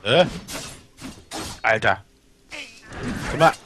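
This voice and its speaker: A man's voice: on the low side, expressive, extremely slow, a bit bright, a little hiss or hum. A man chatting casually and wryly while playing an online game with friends over voice chat. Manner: laid-back, wry, swears casually. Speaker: gamer. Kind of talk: casual multiplayer gaming chat.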